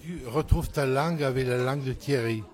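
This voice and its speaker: Mellow-voiced male interviewer. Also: medium pitch, fairly quick. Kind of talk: interview questions.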